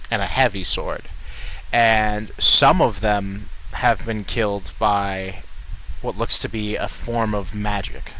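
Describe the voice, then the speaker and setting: A man's voice: fairly low pitch, pushed and bright, a little hiss or hum, rough recording. A man narrating as game master at a tabletop game, casual and loose, swearing and trailing off mid-sentence.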